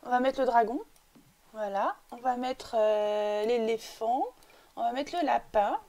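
A woman's voice: on the high side, unhurried, mellow. A woman giving casual gameplay commentary, chatty and talking to the game characters as she plays, sniffling now and then. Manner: chatty, talks to the game characters and coaxes them. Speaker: let's play commentator.

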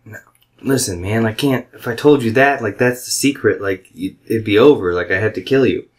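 A man's voice: fairly low pitch, a little fast, natural voice. A man voicing a casual, dismissive God in a comedy podcast, blunt and slangy. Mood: exasperated.

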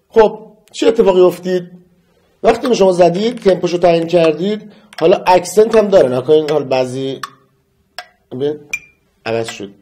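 Mellow-voiced man teaching metronome practice. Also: on the high side, slight background noise. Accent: Persian. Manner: counts beats aloud, hums melody slowly. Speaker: music teacher. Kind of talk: casual instrument lesson.

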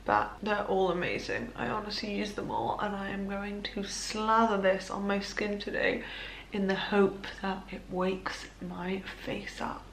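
A young woman talks casually into a handheld camera, hungover and groggy, poking fun at herself and sliding into soft murmurs and whispers. Her voice sits at an ordinary middle pitch. Steady background noise runs under the audio. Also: a little slow, vocal fry. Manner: chatty, self-mocking, drops to murmurs and whispers. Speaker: lifestyle vlogger. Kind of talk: casual vlog chat to camera.

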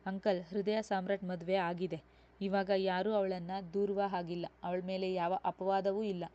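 A protective young man consoling a close friend, voiced by a woman reading the story. He speaks gently, with little rise and fall in the voice. The recording is dull and lo-fi. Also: mid-range voice, flat delivery, unhurried, close to an everyday voice.

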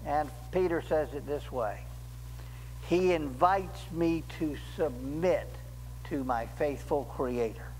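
An older male pastor delivers a sermon at a slow, measured pace, his fairly high voice lifting sharply on the words he stresses. He speaks from a pulpit in a church sanctuary. The sound carries a long hall reverb and a faint background hum. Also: darkish tone. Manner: slow, deliberate preaching with emphatic rises on key words.

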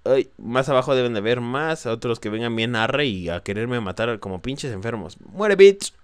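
A man's voice: mid-range voice, moderate pace, smooth, no echo. A young man with a Mexican accent commentating a game as he plays, swearing and crying out in nervous alarm. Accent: Mexican Spanish. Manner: jumpy, swearing, nervous exclamations. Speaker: gameplay commentator. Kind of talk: let's play commentary.

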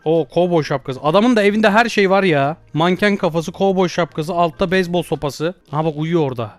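A man giving playful VR gameplay commentary, teasing and excitable, often yelling and taunting in fun. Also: fairly high pitch, dry recording. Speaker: VR gaming YouTuber.

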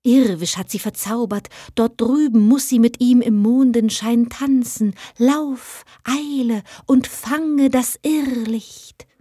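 A woman voicing ghostly mist spirits on a moor, murmuring in a hushed way in a storybook reading. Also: a little high, takes it slowly, few pauses, slightly rough, dry recording, clean studio sound, voice pushed up. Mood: eerie.

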